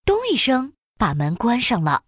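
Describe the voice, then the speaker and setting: A woman narrating a children's storybook in an expressive, sing-song storytelling way. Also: a little high, moderate pace, husky, no echo, clean studio sound.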